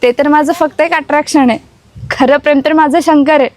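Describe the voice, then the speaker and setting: A woman's voice: high voice, steady tone, no echo, lightly acted. A woman playing a torn young woman praying. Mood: pleading. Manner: pleading, soft and slow prayer.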